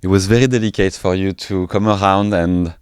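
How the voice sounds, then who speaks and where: A man's voice: low-pitched, fairly even intonation, brisk, smooth, no echo. A man with a French accent hosting a casual radio interview in a studio, playful and chatty. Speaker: radio host.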